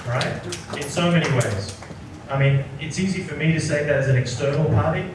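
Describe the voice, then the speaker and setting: A man in his forties, from Sri Lanka, gives an interactive workshop talk, tagging "right?" onto his points. His voice sits a little high and is heard from some way off the mic in a very echoey room. Steady background noise runs under the recording. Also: moderate pace, far from the mic. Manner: keeps checking in with the audience by asking "right?". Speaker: psychologist giving an executive workshop.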